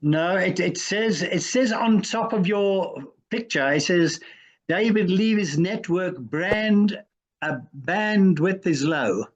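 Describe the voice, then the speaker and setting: A man's voice: sits high, lively intonation, takes it slowly. A man taking part in a class over a group video call, answering in short replies about whether he can hear. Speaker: class participant. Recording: muffled distant internet call audio.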